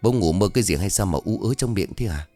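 A man voicing a grown daughter who calls her father awake and speaks to him quickly. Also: deep voice, expressive, dark tone, faint music behind. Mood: chiding. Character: grown daughter, brisk and practical.

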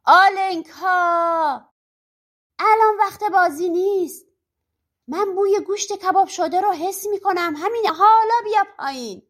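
A woman voicing a furious iron-toothed cannibal witch, roaring shrill commands in a storybook reading. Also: big pitch swings.

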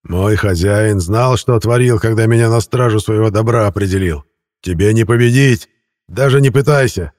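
A man voicing a croaking old ghost. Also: lowish voice, darkish tone, dry recording, studio quality, close to an everyday voice. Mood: taunting. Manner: croaking, spiteful, drawn-out menace. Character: gloating old undead male treasure-guardian ghost.

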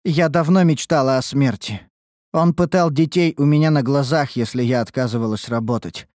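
A man's voice: medium pitch, normal speed, darkish tone, no echo, clean studio sound, voice pushed up, close to an everyday voice. A man voicing a broken, sorrowful captive female elf in an audiobook, mournful and weary. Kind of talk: audiobook character voice.

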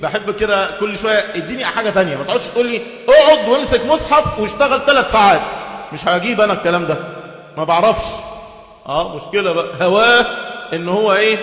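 Fast, high-voiced Egyptian preacher in a hall. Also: male voice. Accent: Egyptian Arabic. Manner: animated and sarcastic, mimicking others, slowing to recite texts. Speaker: sheikh giving a religious lesson. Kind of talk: lively Egyptian sermon.

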